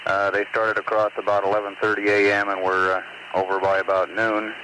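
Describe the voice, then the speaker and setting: A man's voice: lowish voice, monotone, brisk, bright, forceful tone. A man working as capsule communicator, talking casually to astronauts over a space mission radio link. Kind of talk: casual astronaut radio exchange with news and scores. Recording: noisy mission radio loop with hiss.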